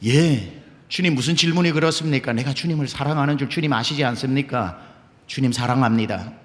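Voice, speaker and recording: A man's voice: medium pitch, fairly quick, close to an everyday voice. A man voicing Peter as a remorseful grown fisherman, earnest and self-doubting, with a long church reverb. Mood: earnest, pleading.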